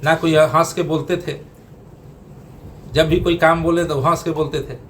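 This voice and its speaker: Guy answering press questions, defensive, lots of uhs, slightly high voice. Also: fairly even intonation, a bit bright, a little hiss or hum. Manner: defensive, halting with fillers. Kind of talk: press interview.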